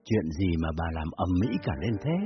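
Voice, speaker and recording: A man voicing a calm, even-tempered older father in an audiobook, speaking in a measured way. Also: low-pitched, voice pushed down. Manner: measured, reasoning. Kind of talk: dramatized audiobook reading. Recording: dull lo-fi with faint music.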